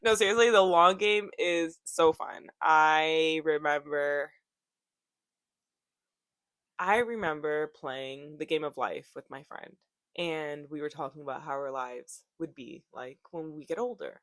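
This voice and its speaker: A woman's voice: deep voice, a little slow, a bit bright, no echo. A woman in her twenties talking casually to camera, rambling off topic, joking and swearing freely. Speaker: YouTuber.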